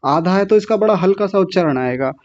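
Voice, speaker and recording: Man, raised pitch, warm voice, slow deliberate teaching, dull class recording. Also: animated. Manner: slow, deliberate syllable-by-syllable correction; clears throat often. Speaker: Sanskrit recitation teacher. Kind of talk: online class teaching pronunciation.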